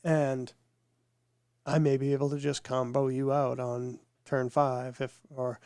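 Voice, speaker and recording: Nasal man with a cold, gravelly. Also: medium pitch, level tone, unhurried, darkish tone, dry recording, clean studio sound. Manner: rambling, repeats words as he thinks. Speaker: podcast co-host. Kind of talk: casual podcast chat. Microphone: podcast microphone with headphones.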